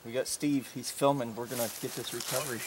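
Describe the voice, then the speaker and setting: A man hosting a hunting video outdoors, talking with awe and excitement, sometimes hushed, and often repeating himself. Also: mid-range voice, quick pace. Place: outdoors in the deer woods. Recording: outdoor camera audio with clear background noise. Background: outdoor ambience.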